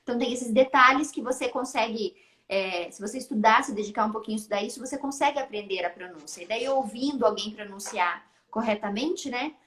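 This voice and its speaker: A woman's voice: a little high, brisk, few pauses, a bit bright. A middle-aged woman, a guest teacher patiently explaining and repeating her advice in casual talk. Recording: roomy echoey sound.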